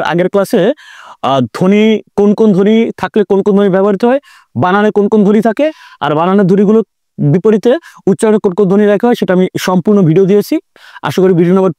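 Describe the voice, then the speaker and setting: A man's voice: sits high, darkish tone, no room sound, studio quality. A man teaching an online grammar lesson, repeating key points and drawing out words for emphasis. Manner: repetitive, explanatory, drawn-out emphasis.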